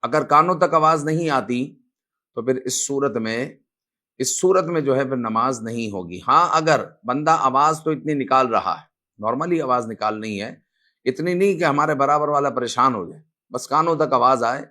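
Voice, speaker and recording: A man's voice: medium pitch, bright, forceful tone. A man giving a religious lesson, explaining step by step and reciting verses aloud as examples. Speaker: religious teacher.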